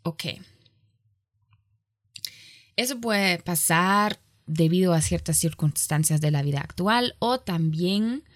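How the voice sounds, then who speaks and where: A woman who isn't a native Spanish speaker gives an online lecture slowly, in a halting, self-correcting way with frequent pauses. Her voice is a little low. The recording is dry and close, with no room sound.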